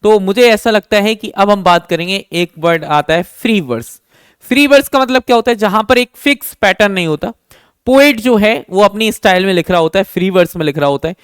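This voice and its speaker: A male teacher giving an exam-prep lesson that mixes Hindi and English. He asks himself questions and answers them, repeating key terms slowly. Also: sits high, a bit bright, clean tone, dry recording, clean studio sound.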